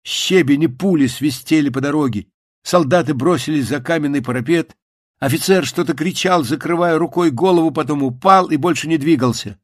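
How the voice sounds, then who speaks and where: Calm man reading a story aloud. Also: a little high, fairly quick, dry recording, studio quality. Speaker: narrator. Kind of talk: audiobook reading.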